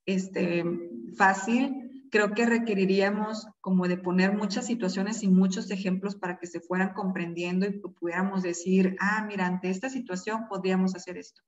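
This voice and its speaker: A woman's voice: mid-range voice, steady tone, normal speed, slight background noise. A woman leading an online parenting class, talking conversationally with many fillers and often checking in with her listeners. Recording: distant, echoey, dull sound.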